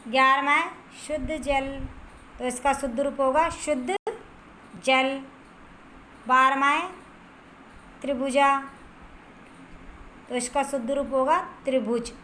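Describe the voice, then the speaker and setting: Slow, bright-voiced woman teacher. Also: high voice, fairly even intonation, a little hiss or hum. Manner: slow, repeats each word and answer for dictation. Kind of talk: Hindi grammar lesson for first graders.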